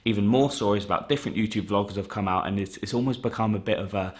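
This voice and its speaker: A man's voice: fairly low pitch, fast. A man sending a question to a show, explaining at length in a casual, hesitant, apologetic way. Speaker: listener sending a video question.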